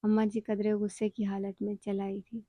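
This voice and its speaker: Woman reading a novel in a flat voice. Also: medium pitch, dry recording. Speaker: narrator. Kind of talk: scripted narration of a novel.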